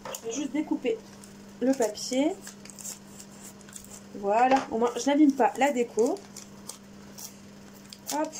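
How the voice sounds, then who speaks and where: A high-pitched woman, chatting away eagerly as she unboxes her crafting parcels. Her voice is soft and mellow rather than bright, and a faint hiss sits under the home recording. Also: slow, pauses often. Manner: enthusiastic, chatty, exclaims often. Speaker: crafting vlogger. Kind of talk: casual unboxing chat.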